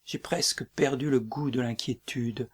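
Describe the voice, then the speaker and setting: A man reading the part of a doomed tyrant king in a dramatic play reading, brooding and breaking into shouts. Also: mid-range voice, fairly even intonation, measured pace, husky.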